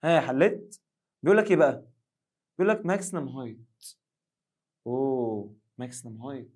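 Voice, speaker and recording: Speaking at medium pitch with an expressive, slightly mellow voice, a young man with an Egyptian Arabic accent teaches a recorded science revision lesson. He jokes with imagined students and reads the English questions slowly.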